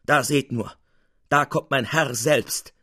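A man's voice: lowish voice, expressive, unhurried, vocal fry, slightly rough, dry recording, studio quality, full character voice. A man reading the part of a vain, stingy old uncle in a storybook, with a pompous, lisping tone.

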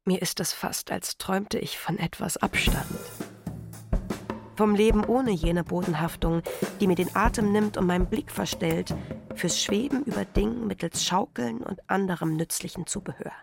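A woman voicing an overworked woman who longs for distance, with a gravelly, reflective voice. Music plays clearly behind her in a radio play. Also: mid-range voice, moderate pace, natural voice. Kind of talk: literary radio play acting.

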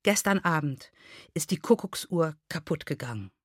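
A woman's voice: low-pitched, animated, normal speed, no echo, studio quality, voice pushed down. A woman reading the lines of a stern, anxious elderly mother in a literary reading. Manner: stern, agitated.

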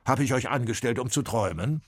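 Man voicing a big commanding composer, curt and stern, rough-toned. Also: medium pitch, quick pace, no room sound, studio quality, pitched above the performer's own voice, close to an everyday voice. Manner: commanding, brusque.

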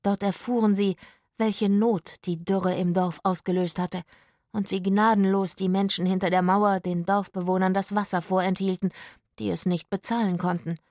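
Erzählerin einer Kinderhörgeschichte. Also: female voice, mid-range voice, normal speed, no echo, studio quality. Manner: calm, storytelling. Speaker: narrator. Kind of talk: children's audiobook narration.

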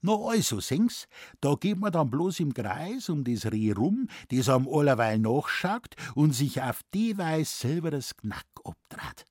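A man voicing a gruff, deadpan old forest warden with a Bavarian accent, telling tall tales in dialect. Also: fairly high pitch, a little slow, dry recording, clean studio sound, pitched above the performer's own voice.

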